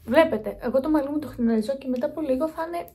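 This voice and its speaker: Young woman vlogger, high voice, chatty and rambling, recorded on a handheld phone. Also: mellow. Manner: chatty and rambling, talking straight to viewers. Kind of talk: casual vlog chat. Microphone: phone held at arm's length.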